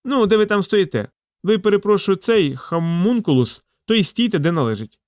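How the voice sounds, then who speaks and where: A limp, officious bureaucrat in an audiobook, raised high above the reader's own voice, as a male narrator puts him on. He drawls in a listless, self-important way, and the recording is close and dry. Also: expressive, normal speed, darkish tone, no room sound. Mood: fussy. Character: sluggish pompous male building manager.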